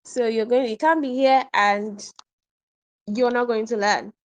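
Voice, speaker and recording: A woman teaching an online English communication workshop, animated and repeating points for emphasis. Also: on the high side, a little slow.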